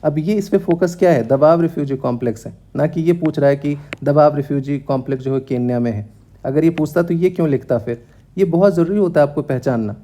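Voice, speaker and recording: A man teaching exam strategy in a casual lesson, reading test statements aloud slowly and then explaining them quickly. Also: a little high, mellow.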